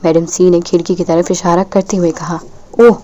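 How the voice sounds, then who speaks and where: A woman reading a novel aloud as an audiobook narrator, in a steady, measured way. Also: lowish voice, slight background noise.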